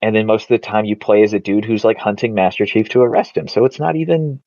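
Deep-voiced man on a video call. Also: quick pace, a little mellow, no room sound. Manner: rambling, many "like" fillers. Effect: heard over a video call. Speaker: podcast co-host. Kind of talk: casual chat about video games. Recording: dull, lo-fi call audio.

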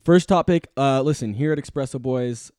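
A man's voice: mid-range voice, moderate pace, a little mellow, dry recording, studio quality. A young man co-hosting a casual podcast, joking around, laughing often and boasting in mock seriousness. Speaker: podcast co-host.

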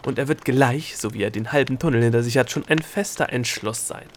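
A man voicing an excitable bald male gnome guide in a storybook reading, calling out eagerly in a raised voice. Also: medium pitch, brisk, slight background noise, natural voice. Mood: excited. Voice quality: hoarse laugh.

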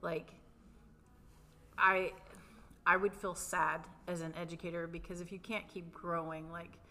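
Slow-spoken, low-voiced woman. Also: level tone, bright, forceful tone. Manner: thoughtful, earnest. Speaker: educator, podcast guest. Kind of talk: casual chat.

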